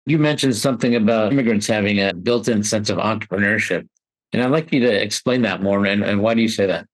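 A man hosting a podcast, introducing his guest and asking questions politely in a measured way. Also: lowish voice, slightly rough, poor audio. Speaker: podcast host. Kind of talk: interview hosting.

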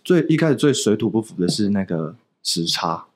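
A man's voice: on the low side, big pitch swings, fairly quick. A young Taiwanese man with a Taiwanese Mandarin accent, a podcast guest telling loose, rambling anecdotes with frequent chuckles. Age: young adult. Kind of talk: casual chat.

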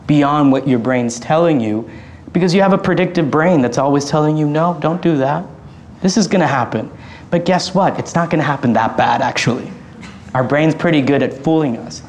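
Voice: mid-range voice, a little mellow. A panel speaker talking earnestly and persuasively, using rhetorical questions. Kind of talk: panel discussion.

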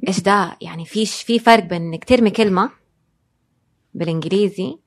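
A woman's voice: medium pitch, fast. A woman, a guest in a casual interview, speaking reflectively and dropping English phrases into her speech. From Saudi Arabia. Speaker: guest, designer and blogger.

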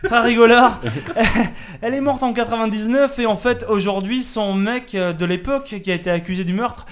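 A man's voice: extremely high pitch, moderate pace, a bit bright. A man co-hosting a casual roundtable podcast, rambling along with lots of fillers and restarts. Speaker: podcast co-host.

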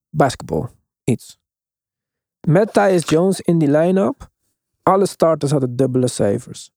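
A man's voice: fairly high pitch, vocal fry, darkish tone, dry recording. A man in a casual, emphatic sports discussion, mixing in English slang as he hosts. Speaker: podcast host.

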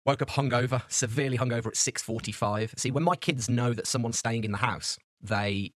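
Male podcast co-host, 30s, slangy and upbeat, rapid delivery. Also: mid-range voice, no echo, studio quality. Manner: chatty, laughs often, slangy. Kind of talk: casual chat.

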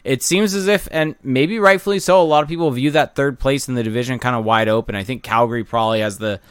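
A man's voice: medium pitch, fast talker, smooth, no room sound, clean studio sound. A man co-hosting a casual sports podcast, wondering aloud about what could happen. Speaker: podcast co-host.

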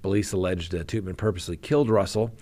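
A man's voice: low voice, quick pace. A man who works as a criminal defense attorney, hosting a show where he reads crime news and adds wry, joking commentary. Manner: wry, animated, reads news then jokes about it.

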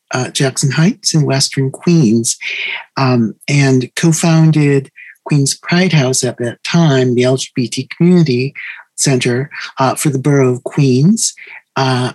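A middle-aged woman from the Midwest speaks on an online panel. She works through a list of facts at a measured pace, pausing often with "uh". Her voice sounds close and dry. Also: very deep voice, a little mellow, no echo, low-quality recording. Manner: measured, fact-listing, with frequent "uh" pauses. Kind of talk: self-introduction on a panel.

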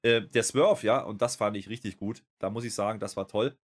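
Speaking a little fast in a fairly low voice, this co-host chats casually on a wrestling podcast. His talk wanders with plenty of fillers and false starts, and he grows increasingly heated.

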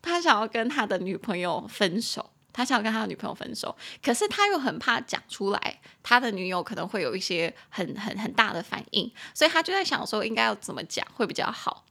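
Young female English-lesson host: playful, animated, slows down to drill words. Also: mid-range voice, creaky, slightly rough. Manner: playful, giggly, spells and repeats English words slowly. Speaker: English teacher and podcast host.

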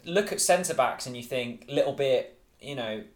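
A man's voice: mid-range voice, animated, moderate pace, echoey room. A man co-hosting a casual football podcast with dry, teasing humour. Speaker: podcast co-host.

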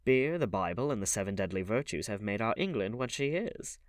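A man's voice: fairly low pitch, expressive, a little fast, dry recording, studio quality, lightly acted. Man playing an arch aristocratic wit, swooping intonation. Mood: playful, grandiose. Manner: arch, epigrammatic, theatrical emphasis. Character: witty, languid English aristocrat, playfully paradoxical gentleman.

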